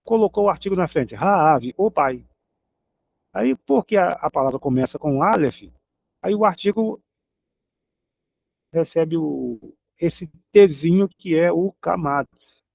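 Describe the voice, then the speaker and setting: A man's voice: a little high, expressive, a little slow, gravelly, long pauses, dry recording, muffled recording. A man teaching a recorded Hebrew grammar lesson, patiently repeating each example word.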